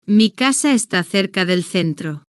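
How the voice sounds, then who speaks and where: A language-learning narrator, a woman, reads a beginner's story slowly and deliberately, leaving space between each short sentence. Her mid-pitched voice sounds smooth, well-rounded, and animated. The recording is close and dry, with no room sound at all.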